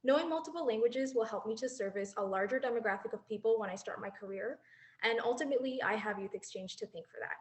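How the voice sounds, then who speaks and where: This woman in her twenties talks quickly in a voice on the high side, using a handheld mic. As a former exchange student, she gives a reflective, earnest prepared speech punctuated by occasional light laughter.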